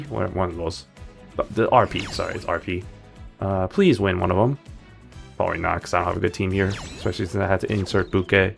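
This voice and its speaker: A man's voice: deep voice, gravelly. A man streaming a video game, chatting casually and rambling through his choices with playful asides. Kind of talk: casual gameplay commentary. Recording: background game music.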